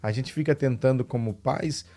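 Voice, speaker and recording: A man's voice: medium pitch, moderate pace, warm tone, soft background music. Hesitant Brazilian father reflecting aloud. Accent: Brazilian Portuguese. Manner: hesitant, repeats words. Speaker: podcast co-host, father. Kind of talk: casual reflective chat.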